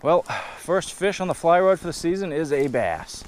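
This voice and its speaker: Here a fishing vlogger with a New England accent narrates casually to camera, giving upbeat play-by-play of fishing a river from a rocky riverbank outdoors. His voice has a fairly high pitch, lively intonation, normal speed and a slightly mellow quality. It's captured on a head-mounted action camera with faint river and wind noise.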